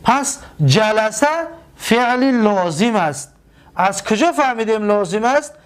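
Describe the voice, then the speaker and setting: A man teaching an Arabic grammar lesson. He asks the class questions and answers them himself, and he draws out and repeats example words slowly. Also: high voice, animated, smooth. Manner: slow drawn-out repetition of example words.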